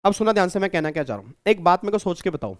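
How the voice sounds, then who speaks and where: Chatty high-voiced male teacher. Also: big pitch swings, racing, no room sound, clean studio sound. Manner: chatty, repeats himself, keeps checking with students. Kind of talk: recorded exam-prep lecture.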